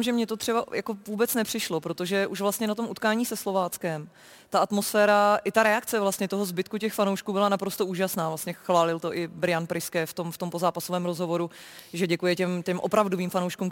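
A woman talking as a sports reporter in a football discussion, animated and emphatic. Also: lowish voice, big-room sound.

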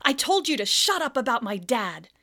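A woman's voice: high-pitched, sing-song, normal speed, bright, forceful tone, voice pushed up, exaggerated voice. A woman doing a defiant teenage boy wizard. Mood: angry. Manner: strained and defiant.

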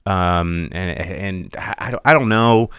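Speaking low and taking it slowly, this man has a smooth voice as he hosts a casual solo podcast about movies. His animated rants ramble, with plenty of stumbles and restarts, captured in studio quality without room sound.

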